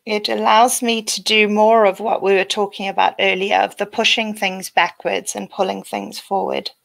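A woman, relaxed and explanatory, giving a live painting demo over a video call. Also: mid-range voice, normal speed, creaky, dry recording. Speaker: guest artist. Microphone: computer microphone on a video call.

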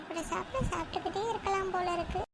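A cartoon little sister with a very high, piping voice, as a performer puts her on, always hungry and whining to her mother. The voice begs and sulks. The recording carries a clear background hiss. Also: steady tone, very fast. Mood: pleading. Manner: whining, pleading. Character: hungry, whiny little girl, the younger sister.

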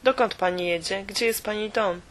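A woman reading the lines of an eager, friendly young nurse in her own quiet storybook voice. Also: medium pitch, moderate pace, lightly acted. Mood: curious. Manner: read in the narrator's own quiet voice.

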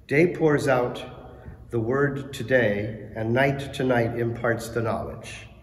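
A male lector reads scripture and leads the psalm in a steady, clear voice of middle pitch. His voice rings out in the long echo of a large church, with faint room ambience under it. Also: slow pace, a little hiss or hum. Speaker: lector at Mass. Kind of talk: liturgical reading and psalm.

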